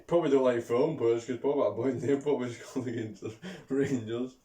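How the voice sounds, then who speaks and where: A man's voice: mid-range voice, steady tone, fast talker, warm tone, far from the mic. A young Scottish man rants his way through a casual chat, swearing freely and laughing often. He sits well back from the microphone, and his voice carries an echo from the room around him. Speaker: YouTube co-host. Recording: roomy and off-mic.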